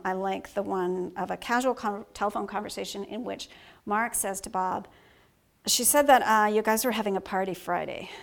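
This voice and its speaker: A woman giving an academic lecture, thoughtful and halting, with frequent ums and self-corrections, reading quoted passages aloud. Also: medium pitch, creaky. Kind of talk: academic lecture on conversation analysis.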